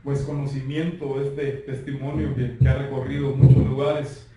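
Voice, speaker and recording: A man turning forty with a Guatemalan Spanish accent, telling his life testimony in an earnest, measured way. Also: mid-range voice, flat delivery, dark tone. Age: 30s. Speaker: guest giving testimony. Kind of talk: personal testimony. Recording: roomy far-off mic with faint noise.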